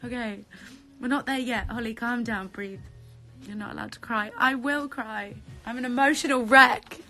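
A young woman talking to viewers on a live stream, close to tears, giggly and breathless, swinging between loud outbursts and soft sighs. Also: fairly high pitch, fairly even intonation, normal speed, soft background music. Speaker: social media creator on a live stream. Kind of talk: emotional live stream chat.

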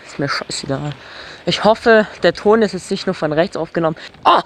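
A man's voice: high-pitched, moderate pace, slight background noise. A young man vlogging from a bike with his microphone tucked inside his helmet, rowdy and whooping as he rides. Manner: rowdy, whooping and yelling while riding. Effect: voice from a mic inside a helmet. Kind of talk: casual vlog chat. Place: outdoors on a moving bike in the city. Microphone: microphone inside his helmet lining.

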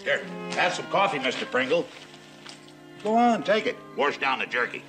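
A man's voice: mid-range voice, big pitch swings, moderate pace, fairly bright tone, soft background music. An actor in his thirties playing a rustic, stubborn, long-suffering cowboy with a folksy, ungrammatical way of talking in a TV western. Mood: weary, patient. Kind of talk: 1960s television western acting.

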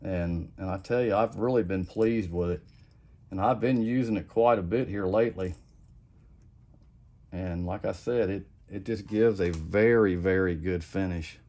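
The voice is low-pitched and a little slow: a middle-aged man who makes custom lures, demonstrating a technique at his home workbench. His talk is laid-back and plain, wandering and repetitive, peppered with "like I said."

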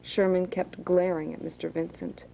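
Author reading aloud: woman, dark gravelly voice, unhurried, school room. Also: fairly low pitch, level tone, a little hiss or hum, rough recording. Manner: plain, unhurried reading with asides. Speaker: author reading her novel. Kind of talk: reading a novel aloud to students.

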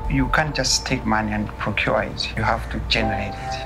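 A man with a lowish voice speaks in a plain, reflective way about his work. It is a documentary interview, recorded indoors. A clear music bed plays behind him. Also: steady tone, a little fast. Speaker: oxygen lead engineer. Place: indoor room.

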